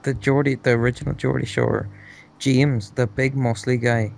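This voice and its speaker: Gravelly young man, slangy banter. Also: medium pitch, little pitch movement, normal speed, a little mellow, slight background noise. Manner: laughs a lot, slangy. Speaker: friend co-commentator. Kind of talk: casual chat.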